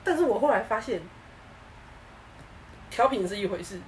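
A woman co-hosting a casual chat podcast, telling stories in a lively way and acting out what people said. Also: fairly high pitch, normal speed, far from the mic, a little hiss or hum, rough recording. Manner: animated storytelling, acting out quoted lines. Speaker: podcast co-host.

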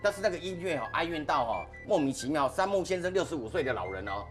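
A man's voice: fairly high pitch, quick pace, music in the background. A man with a Taiwanese Mandarin accent, hosting a podcast and telling ghost stories to a panel in a casual, dramatic way. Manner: animated, dramatic storyteller. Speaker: podcast host.

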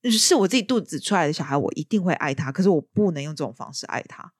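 A woman chatting casually as a podcast host, telling her stories in a lively way. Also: deep voice, fast talker, breathy edge, no room sound, clean studio sound. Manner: lively storyteller. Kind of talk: casual chat.

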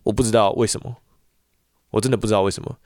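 A man's voice: fairly low pitch, racing, dry recording, clean studio sound. A man, a voice teacher, ranting in a casual monologue full of repeats and restarts. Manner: animated, repetitive ranting with frequent restarts.

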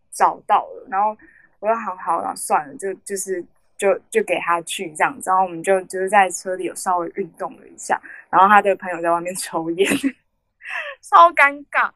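A woman's voice: mid-range voice, a bit bright, dry recording. A young woman, rambling through a casual story on a podcast with many fillers and restarts. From Taiwan. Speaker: podcast co-host.

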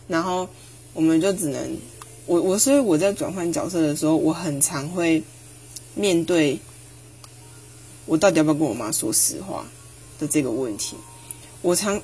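A young woman, talking through a personal reflection on her podcast with animated emphasis. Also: sits low. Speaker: podcast host.

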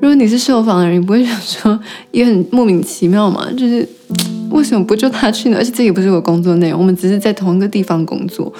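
A woman's voice: medium pitch, quick pace, mellow, faint music behind. A woman from Taiwan with a Taiwanese Mandarin accent tells stories casually as a podcast host, her articulation slightly impeded by braces. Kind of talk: casual solo storytelling chat.

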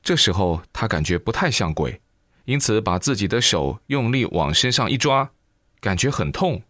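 A man reading a Buddhist book aloud in lively storytelling style, with exclamations. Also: on the low side, moderate pace, no room sound, clean studio sound. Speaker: reader.

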